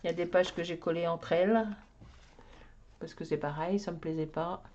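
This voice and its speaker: A woman's voice: lowish voice, fairly even intonation, moderate pace, a little mellow, dull audio. A woman giving a casual show-and-tell of her coloring books, rambling and talking to herself as she searches for things. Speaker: craft vlogger.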